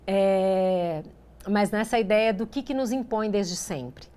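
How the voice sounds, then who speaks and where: A woman with a Brazilian Portuguese accent talks to a group of educators about her art. She speaks conversationally at a middle pitch, slipping into other people's voices as she tells anecdotes and often checking in with tag questions. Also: slow pace, dark tone, smooth. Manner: conversational, acts out dialogue, frequent tag questions. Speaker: artist giving a course talk. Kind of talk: lecture with anecdotes.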